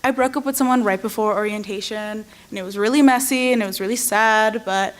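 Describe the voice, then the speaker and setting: A young woman playing a supportive college friend who talks gently and frankly. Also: mid-range voice, fairly quick, close to an everyday voice. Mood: reassuring. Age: young adult. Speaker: student acting in a skit.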